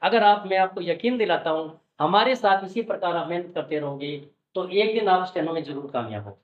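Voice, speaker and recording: A man's voice: high-pitched, lively intonation, a little fast. A man teaching stenography shorthand, explaining step by step and patiently repeating his checks with the learner. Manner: patient, repeats "okay" and "look carefully" often. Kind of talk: classroom-style explanation. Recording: echoey, distant, dull sound.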